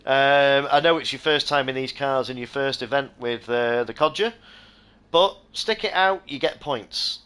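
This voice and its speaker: On his sim racing stream, a middle-aged host with a mid-range voice gives live race commentary at an unhurried pace. His voice is hoarse and almost lost, and he flips between excited play-by-play and rambling chat with viewers.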